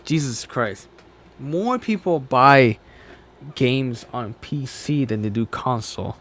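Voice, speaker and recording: A man with an average-pitched voice rants off the cuff as he reacts to a video. He is exasperated and sweary, argues back bluntly, and keeps tripping over his words and restarting. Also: lively intonation, a bit bright. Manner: exasperated, sweary, argumentative ranting; halting, stumbling over words, self-correcting. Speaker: reaction commentator, gamer. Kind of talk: off-the-cuff ranting commentary on a video.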